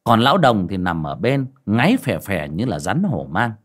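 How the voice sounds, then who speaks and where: A man narrating an audio story in a lively storytelling manner. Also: on the low side, moderate pace. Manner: lively storytelling, vivid sound words.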